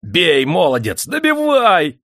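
In a dramatised audiobook, a man performs a domineering, gleefully cruel eighteenth-century factory owner, bellowing and crowing his exclamations with excited glee. His voice is pushed up to a fairly high pitch with huge swings, slow and sharp-toned, heavily acted. The recording is dry, with clean studio sound.

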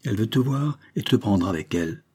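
A man's voice: fairly low pitch, animated, brisk, mellow, slightly rough. A man voicing a choked-up old guardian. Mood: moved. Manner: moved, throat tight. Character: emotional older male guardian, choked up.

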